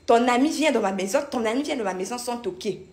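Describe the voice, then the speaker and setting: A woman voicing an angry young male neighbor who shouts back in clipped, broken English. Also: very high-pitched, lively intonation, quick pace. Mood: defensive shouting.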